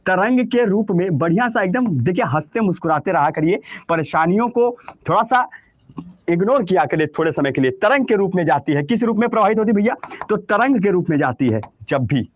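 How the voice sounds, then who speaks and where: High-voiced Bihari teacher quizzing a class. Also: male voice, animated, a little fast, dry recording. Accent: Bihari Hindi. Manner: repeats questions and answers them himself. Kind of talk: classroom lecture.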